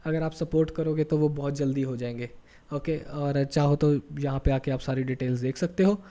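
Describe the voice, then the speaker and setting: Chatty man with a mellow voice. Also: on the high side, fairly even intonation, moderate pace. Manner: chatty, keeps checking in with "okay?". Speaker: career coach YouTuber. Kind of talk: casual Hinglish tutorial talk.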